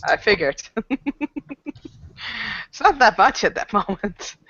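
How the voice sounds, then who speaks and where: Lively-voiced woman player. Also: medium pitch, takes it slowly, vocal fry, highs cut off, slight background noise. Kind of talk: casual tabletop play.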